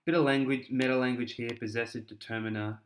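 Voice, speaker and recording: A man's voice: medium pitch, fairly even intonation, quick pace. A young man with an Australian accent explains an essay in a chatty, casual tutoring style, often repeating words and restarting.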